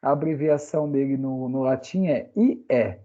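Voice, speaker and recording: Male English teacher, Brazilian Portuguese accent, chatty, mellow dark voice, dull lo-fi sound. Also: mid-range voice, moderate pace. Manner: chatty, frequent "né?" tag questions. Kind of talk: casual online lesson.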